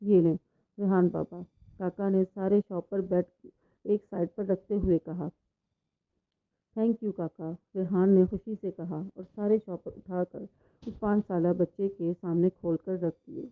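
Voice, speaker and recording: A woman reading a novel aloud in a steady storytelling voice; the sound is tinny and phone-like. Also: on the low side. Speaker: novel reader. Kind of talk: storytelling narration.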